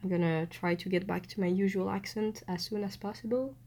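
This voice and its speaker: A woman's voice: mid-range voice, steady tone, brisk, dark tone. A young woman, hosting a solo podcast and talking directly to her listeners while she has a cold. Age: young adult. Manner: chatty, addressing listeners directly. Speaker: podcast host.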